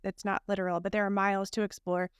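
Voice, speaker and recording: Chatty woman with a smooth, clear voice. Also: mid-range voice, flat delivery, fast talker, no echo, clean studio sound. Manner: chatty, laughing, filler-heavy storytelling. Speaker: podcast co-host. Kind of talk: casual podcast chat. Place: abroad in a hotel room or similar.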